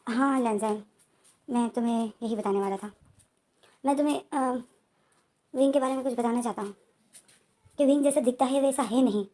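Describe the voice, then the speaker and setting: A woman's voice: fairly high pitch, moderate pace, long pauses, dark tone, close to an everyday voice. A woman voicing a serious young man who shares a secret in a retold story, reading his lines plainly in her own voice.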